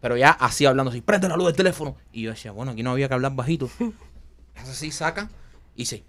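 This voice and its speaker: A man's voice: mid-range voice, racing, fairly bright tone. A man telling a funny story in casual chat, acting out the quotes and laughing often.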